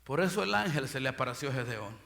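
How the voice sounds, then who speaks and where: A male pastor preaching a sermon, swinging from shouted peaks to low murmurs. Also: lively intonation, fast, gravelly, long reverb tail.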